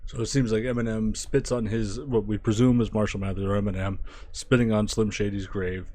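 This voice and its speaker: A man giving a casual spoken album review, thinking aloud, restarting phrases and trailing off quietly. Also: lowish voice, fairly even intonation, a little fast. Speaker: music reviewer.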